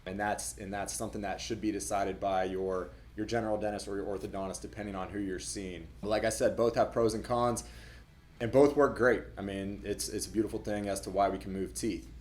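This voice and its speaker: Casual, low-voiced man explaining dental care. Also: steady tone, fairly quick, a little hiss or hum. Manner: conversational, repeats words, fillers. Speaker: dentist. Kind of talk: casual explainer talk to camera.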